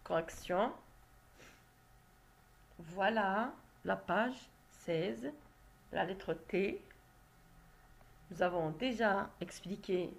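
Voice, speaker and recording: A woman teacher walks young pupils through reading exercises, stretching out each word and syllable so they can follow. She speaks at a slow, measured pace in a mid-pitched voice, with the patient, deliberate delivery of a classroom lesson. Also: vocal fry. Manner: slow, careful, spells out syllables. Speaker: primary school teacher.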